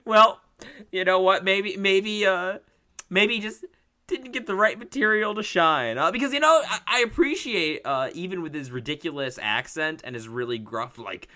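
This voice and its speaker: A man's voice: sits high, animated, normal speed, bright, forceful tone. A man co-hosting a podcast, recapping a movie in casual, profane, rambling chat that keeps breaking into laughter. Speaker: podcast co-host.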